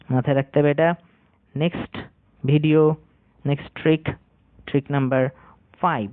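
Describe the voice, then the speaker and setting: A man teaching English pronunciation, spelling words out letter by letter and repeating each rule slowly and deliberately. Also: fairly high pitch, no echo. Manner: slow, deliberate, repeats rules for emphasis. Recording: dry, tinny phone-like sound.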